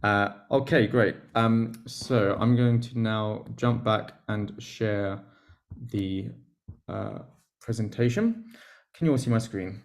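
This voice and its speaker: A man hosting a live video call, presenting in a relaxed, chatty way. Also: fairly low pitch, slow, creaky. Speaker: host.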